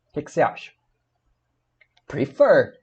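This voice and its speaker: A man's voice: fairly high pitch, moderate pace, muffled recording. A man from Brazil teaching a grammar video lesson, explaining playfully and asking his viewers questions as he goes. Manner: lively, playful storytelling with rhetorical questions. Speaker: English teacher.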